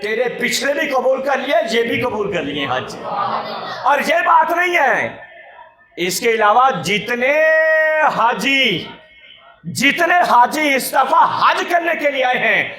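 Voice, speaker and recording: A man telling a sermon story in an impassioned way, often rising to a shout. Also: sits high, reverberant. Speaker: preacher.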